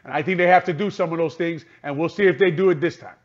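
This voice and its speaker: A man's voice: on the high side, fast talker. Frustrated male radio analyst on a dull line. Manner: frustrated, repetitive, restarts often. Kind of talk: postgame radio talk.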